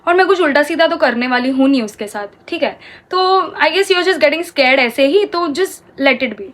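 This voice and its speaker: High-voiced woman. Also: expressive, measured pace, a bit bright. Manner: heated, indignant storytelling mixing Hindi and English. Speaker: vlogger. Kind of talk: storytime vlog.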